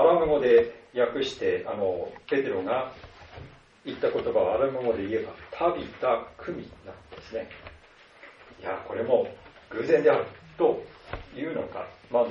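A man preaches a sermon to his congregation, unhurried and sprinkled with soft hesitations. He is heard from a distance in a roomy church hall. The recording is dull and lo-fi with a faint hiss. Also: medium pitch. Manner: measured, with many soft fillers. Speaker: pastor.

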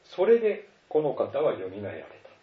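A man preaching a sermon as a pastor, earnest and animated in his delivery. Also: mid-range voice, brisk. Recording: roomy, distant, dull sound.

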